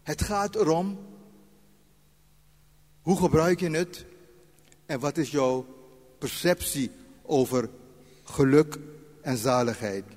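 A retired man in his sixties preaching a sermon, dropping to quiet asides and slowing down when he reads scripture. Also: a little high, in a large hall. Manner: varies loudness widely, slows for scripture.

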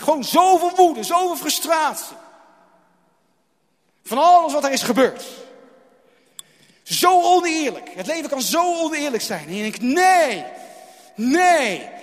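A man preaching a sermon in a dramatic manner, repeating phrases and swinging between loud and hushed delivery. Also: very high-pitched. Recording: long hall reverb.

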